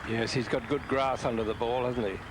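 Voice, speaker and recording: A man's voice: mid-range voice, fairly even intonation, brisk. A man giving live golf commentary in sparse, conversational remarks. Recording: very noisy outdoor broadcast sound.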